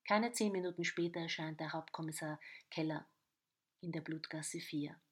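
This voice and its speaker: A woman's voice: low-pitched, normal speed, husky. A woman narrating a short crime story in episodes, reading the dialogue in varied voices. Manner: reads dialogue in varied voices, some whispered.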